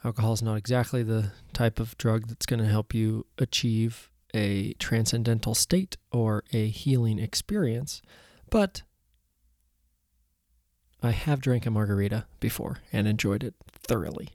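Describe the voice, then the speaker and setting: Froggy-voiced man, mellow podcast host. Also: fairly low pitch, steady tone, moderate pace, few pauses, dry recording, clean studio sound. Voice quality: slightly froggy, throaty voice. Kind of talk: casual solo podcast talk.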